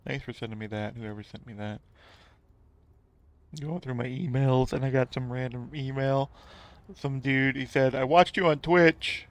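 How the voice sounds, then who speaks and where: A man's voice: medium pitch, level tone, normal speed, pauses often. A man live-streaming a game, chatting casually to his viewers, rambling and laughing often. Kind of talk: casual live-stream chat while gaming.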